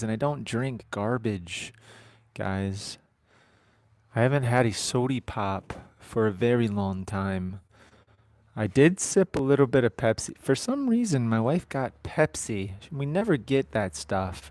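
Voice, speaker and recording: A man's voice: mid-range voice, lively intonation, measured pace, darkish tone. A man in his thirties chatting casually on a live stream from his farm, rambling and joking with his viewers. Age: 30s. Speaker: livestream host.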